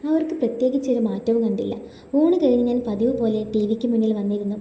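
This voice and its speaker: A woman reads a first-person story in a steady, even way. Her voice is very dark and mellow and a little high. The recording rings in a roomy space with a long reverb tail. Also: fast talker, a little hiss or hum. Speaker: story narrator.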